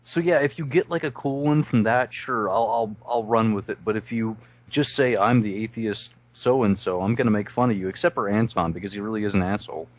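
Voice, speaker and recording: Low-voiced man ranting, tipsy. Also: fast talker, no echo. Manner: profane ranting. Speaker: podcast guest. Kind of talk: casual group chat.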